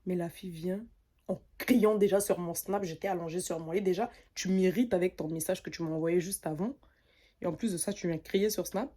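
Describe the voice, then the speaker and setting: A woman's voice: fairly low pitch, a little fast. Indignant woman from French Guiana ranting. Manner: animated, indignant, mimics others' voices. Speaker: content creator. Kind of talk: casual storytime rant.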